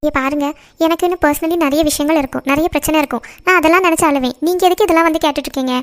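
A woman voicing a heartbroken, proud young woman in a cartoon, speaking quickly and sharply. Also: sits high, fairly even intonation, close to an everyday voice. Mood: angry. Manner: quick, sharp delivery that turns tearful and defiant. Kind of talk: cartoon voice acting.

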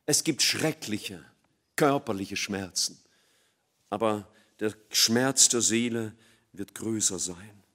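A middle-aged man preaching an evangelistic sermon, swinging from loud emphatic peaks to hushed, low passages.

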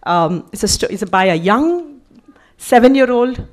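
A middle-aged woman, presenting her book at a literature festival in an animated, chatty way, with frequent little laughs and self-corrections. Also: fairly high pitch, a little slow. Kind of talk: conversational talk at a literary festival.

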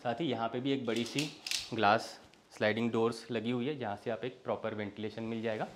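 A man's voice: medium pitch, fairly even intonation, a little fast, background noise. A young man from India giving a walking tour of a villa's bedrooms, inviting the viewer along in an easy sales patter, mixing Hindi with phrases. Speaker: real estate tour host. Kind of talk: property walkthrough. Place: indoors, large villa interior, walking room to room.

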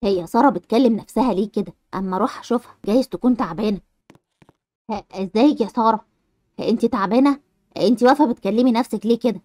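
A woman's voice: fairly high pitch, very fast, warm tone, no room sound, pitched below the performer's own voice, close to an everyday voice. A woman voicing a concerned young male friend who is puzzled by the girl's behavior.

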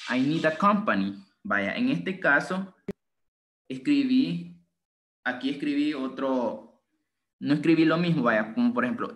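Brief: young male tutor on a video call, even middle pitch, patient and step-by-step, mixing two languages. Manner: explains slowly, switches between two languages, asks "right?". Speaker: English tutor. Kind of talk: online bilingual grammar lesson.

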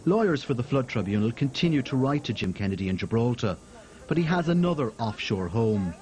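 A man's voice: mid-range voice, big pitch swings, a little fast, a little mellow. A man reading a scripted television news report as voice-over.

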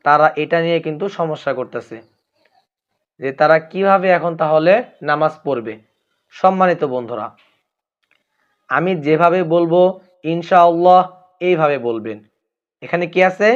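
A man's voice: on the high side, moderate pace, pauses often, lo-fi sound. A man giving a religious lesson on pronunciation, repeating each phrase carefully and addressing his listeners as honored friends. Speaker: religious teacher.

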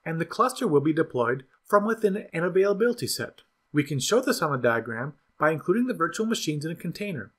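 In this scripted software tutorial voice-over, a male product demo narrator delivers each step with measured, instructional clarity. His voice is slightly high with a husky edge, and his pitch moves in a lively way.

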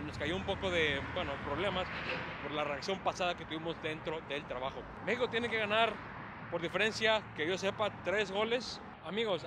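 A young man, reacting live to a match, calm play-by-play breaking into excited shouts, recorded outdoors in a city on a handheld camera. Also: high voice, heavy background noise. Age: young adult. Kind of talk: live sports reaction commentary.

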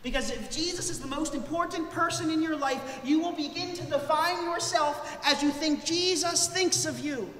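A male pastor preaching a sermon in an animated way, his voice rising for emphasis. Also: very high voice, moderate pace, few pauses, a little hiss or hum. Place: church sanctuary. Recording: echoey church hall with long reverb.

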